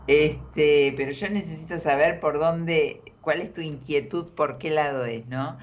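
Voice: medium pitch, steady tone, takes it slowly, highs cut off. A fortune teller with an Argentine Spanish accent hosting a conversational tarot card reading for a caller on the radio. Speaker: radio tarot reader and host.

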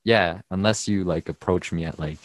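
A teenage young man from Mexico guests on a casual podcast. His voice is very low, and he speaks in halting bursts with frequent restarts. The recording is dry and close. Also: dry recording. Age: teens. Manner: hesitant, halting, laughs often. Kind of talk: casual interview chat.

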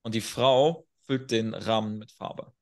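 Gravelly, blunt-talking man. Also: lowish voice, fairly even intonation, unhurried. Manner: blunt, storytelling, self-assured. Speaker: guest coach. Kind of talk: casual podcast chat.

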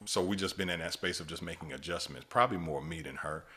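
A man in his forties, a podcast guest, talking in a relaxed way with lots of fillers. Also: sits low, fast talker, slightly rough. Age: 40s. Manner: relaxed, lots of "you know" fillers, chuckling asides. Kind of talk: casual chat.

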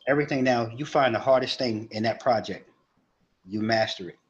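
A man's voice: medium pitch, a little fast, dull audio. A man from New York co-hosting a podcast, speaking earnestly and reflectively and building his points through repetition. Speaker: podcast co-host. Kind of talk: casual podcast conversation.

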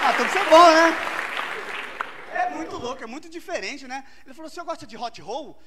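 A man doing a stand-up comedy routine on stage, telling a story loudly to a laughing audience. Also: very high-pitched. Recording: live stage recording with loud crowd noise.

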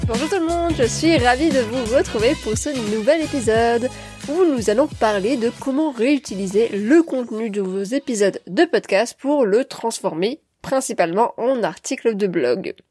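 A woman's voice: on the high side, darkish tone, dry recording, clean studio sound. Upbeat French woman podcast host. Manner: upbeat, direct address to listeners. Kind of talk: scripted podcast talk.

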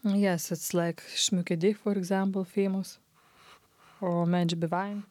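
Flat-toned, low-voiced woman organist. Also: slow. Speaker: organist and podcast co-host. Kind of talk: casual discussion.

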